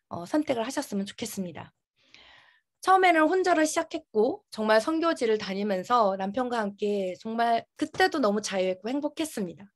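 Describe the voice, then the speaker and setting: A woman giving an earnest, emphatic motivational business presentation, her articulation slightly impeded by a dental retainer. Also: on the high side. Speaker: network marketing business presenter.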